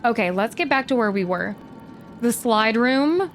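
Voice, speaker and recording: A woman hosting a let's-play, thinking aloud with curiosity as she narrates her moves, sometimes dropping to a hush. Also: fairly high pitch, animated, measured pace. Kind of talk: casual gameplay commentary. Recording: faint game music behind.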